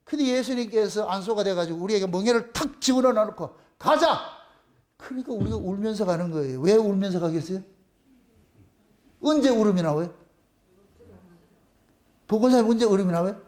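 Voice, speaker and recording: Pastor guy, really high voice, animated preaching, quizzes the congregation. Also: a little fast, long pauses. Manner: animated, acts out voices, asks the congregation questions. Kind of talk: sermon.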